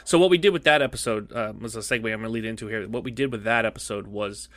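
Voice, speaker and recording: A male podcast host with a lowish, fairly bright voice talks fast, chatting casually in a rambling, jokey manner that keeps repeating itself. He has a cough and is coughing and losing his voice.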